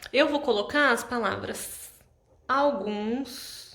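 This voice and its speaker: A woman's voice: on the high side, animated, normal speed, echoey room. A woman teacher with a Brazilian Portuguese accent goes through homework answers patiently, explaining step by step and often checking in with the class. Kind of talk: correcting homework exercises.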